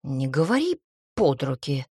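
A woman reading an audiobook, voicing a wry male dragon in human form with a dry, teasing, low-pitched manner. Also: sing-song, a little slow, darkish tone, slightly rough, dry recording, exaggerated voice.

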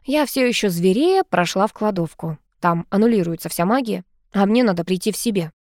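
A woman narrating an audiobook in a lively, dramatic way. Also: medium pitch, brisk, dry recording, studio quality.

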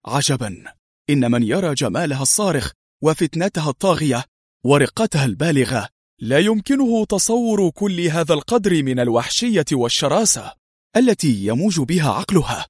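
A man's voice: fairly high pitch, very animated, a little fast, slightly rough, dry recording, clean studio sound. A man voicing a puzzled, easily astonished male doctor. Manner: wondering, amazed.

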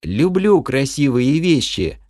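A man playing a shy, dreamy bald elf in a fantasy audiobook, somewhat higher than a plain male voice. He drawls his words slowly and calmly. The recording is dry and close. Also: dry recording. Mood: placid. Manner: drawling, placid, unhurried. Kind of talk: audiobook character voice.

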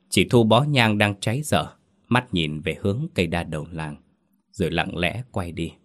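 A man tells a rural ghost story in a measured, dramatic narration. His voice sits very low and deep. Each scene is read out at a steady pace.

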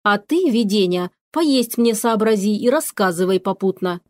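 This woman plays a harsh witch, the lady of the house, who scolds and commands in a storybook reading. Her medium-pitched voice is expressive and a touch mellow, moving at a moderate pace and staying near her everyday voice.

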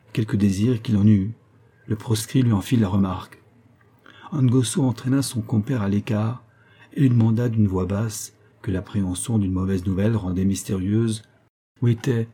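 A male audiobook narrator reads a classic novel in a measured, even way. His voice is low and dark in tone, with a husky grain.

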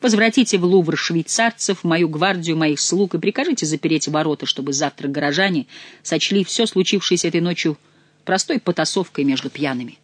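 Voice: medium pitch, a little fast, no echo, lightly acted. A reader voicing a weary, anxious male king giving orders in an audiobook. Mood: commanding. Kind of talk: audiobook character voice.

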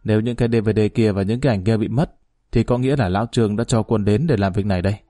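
A man voicing a blunt, cynical male lover who talks calmly and plainly in a spoken story. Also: on the low side, racing, no room sound, studio quality, faint music behind, close to an everyday voice.

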